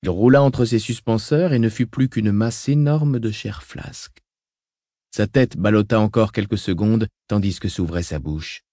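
A man narrating an audiobook in a measured, dramatic reading style. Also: on the low side, mellow, no echo, clean studio sound.

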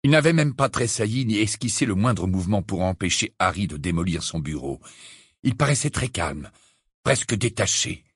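A man narrating an audiobook in an expressive, dramatic reading. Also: lowish voice, normal speed, husky, no room sound, clean studio sound. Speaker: audiobook reader. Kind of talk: scripted narration.

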